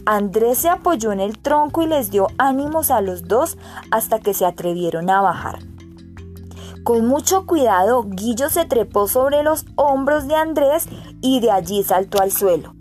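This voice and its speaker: A woman narrating a storybook with even, clear delivery, faint music behind her. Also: a little high, measured pace. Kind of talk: storybook reading.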